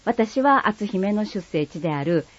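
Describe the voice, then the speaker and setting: A woman's voice: mid-range voice, animated, unhurried, dry recording. Woman from Kagoshima teaching dialect. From Kagoshima, Japan. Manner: explanatory and playful, drawing out quiz words. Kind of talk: scripted mini-lesson. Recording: slightly muffled dry recording.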